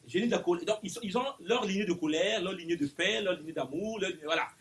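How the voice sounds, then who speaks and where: A man giving a spiritual lecture at a conference, animated, acting out little dialogues and repeating himself. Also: high voice, fast. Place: conference in Paris.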